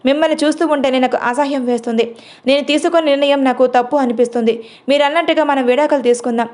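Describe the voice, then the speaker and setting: A woman's voice: high voice, fairly even intonation, very fast, darkish tone, lightly acted. A woman storyteller voicing a heartbroken young wife who accuses her husband through tears in a storybook. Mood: furious, tearful. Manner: crying and accusing.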